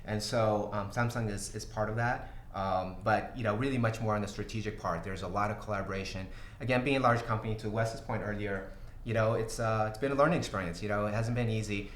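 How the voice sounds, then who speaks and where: A Brazilian man whose first language is Portuguese, a company CEO, hosts a casual livestream AMA from a small glass-walled office studio. His lowish voice holds a steady tone while he speaks haltingly, with many fillers and restarts, and he laughs easily. The room is echoey, with a little hiss or hum.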